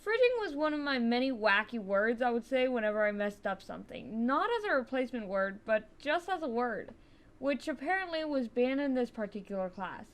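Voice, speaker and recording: A woman's voice: a little high, very animated, fairly quick. A teenage girl narrating a scripted storytime in a chatty, wry way.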